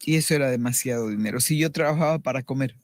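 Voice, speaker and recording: A woman's voice: very deep voice, quick pace, a little mellow, no room sound. A middle-aged woman giving a personal faith testimony as a radio interview guest, earnest and reflective, often restarting her sentences.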